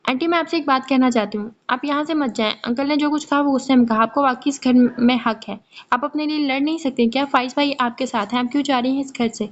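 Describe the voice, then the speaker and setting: A woman voicing a sensible young daughter-in-law who persuades gently, in a muffled lo-fi recording. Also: sits high, natural voice. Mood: pleading.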